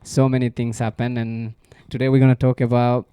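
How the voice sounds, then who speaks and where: A man with a Maldivian accent hosting a podcast interview, asking questions in an unhurried, friendly way. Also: mid-range voice, flat delivery, dark tone, clear, resonant tone, no echo. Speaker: podcast host.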